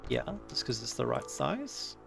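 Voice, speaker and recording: Male streamer, australian accent, gravelly voice, mutters through plans over background music. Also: mid-range voice, big pitch swings, measured pace, fairly bright tone. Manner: thinking aloud, self-correcting. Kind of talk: casual gameplay commentary. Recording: music playing under voice.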